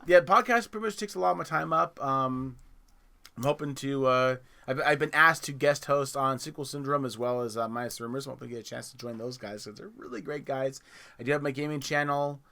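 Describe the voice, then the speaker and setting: A man hosts a gaming podcast in a loose, casual way. His voice sits at a middle pitch and has a bright edge. He rambles, repeats his starts, and keeps plugging the community. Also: fairly quick, vocal fry. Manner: rambling, restarts words, plugs the community. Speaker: podcast host.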